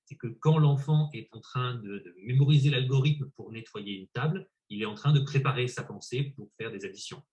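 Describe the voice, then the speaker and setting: A man with an ordinary mid-pitched voice asks a researcher a question. He builds it up step by step and frames the background thoughtfully before arriving at his point. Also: normal speed, few pauses, a little mellow, highs cut off. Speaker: interviewer. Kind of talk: conference question.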